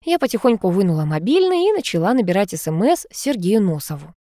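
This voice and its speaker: A woman narrating an audiobook in an expressive reading style on a close mic. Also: mid-range voice, quick pace, no room sound.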